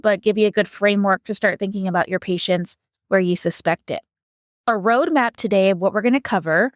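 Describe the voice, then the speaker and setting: A woman co-hosting a medical podcast, methodical and organized as she maps out the topics ahead. Her voice sits at a middle pitch and sounds dry and close, with no room echo. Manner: organized, lays out a roadmap step by step. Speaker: podcast co-host, physician.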